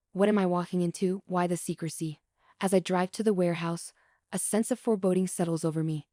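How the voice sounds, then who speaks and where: A woman reading a first-person relationship drama as scripted narration, in an even, measured way. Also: fairly low pitch, no room sound, studio quality.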